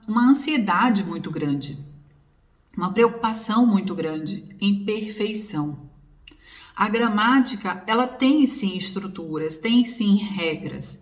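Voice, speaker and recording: A woman's voice: mid-range voice, far from the mic. Woman Brazilian teacher giving an online lesson, emphatic, repeats for effect, sits a bit back from the mic. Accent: Brazilian Portuguese. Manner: emphatic, repeats points, asks rhetorical questions. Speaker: English teacher.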